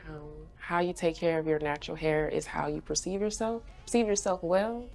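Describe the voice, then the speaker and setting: A woman's voice: lowish voice, steady tone, moderate pace, a little mellow. A young woman from Haiti who grew up in Florida, answering interview questions in a bubbly way and laughing often, seated in an indoor studio. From Haiti, raised in Florida. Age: young adult. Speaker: guest, brand ambassador.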